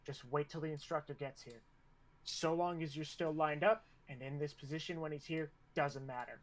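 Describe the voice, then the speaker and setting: A man's voice: fairly high pitch, steady tone, moderate pace. A man narrating a tabletop game as game master, casual and laughing, with plenty of fillers.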